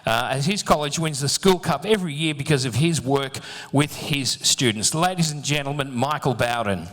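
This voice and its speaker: A man's voice: mid-range voice, normal speed, a bit bright. A man acting as MC at a live dance event, reading introductions with jokey asides to the audience. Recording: echoey hall sound.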